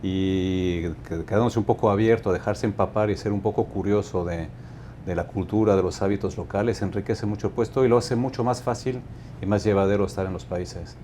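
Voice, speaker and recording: A Mexican company director in his fifties answers interview questions as a guest, his voice low, dark and mellow with a steady tone. He speaks in a measured, thoughtful, unhurried way, often restarting his sentences. A faint low rumble runs beneath the recording.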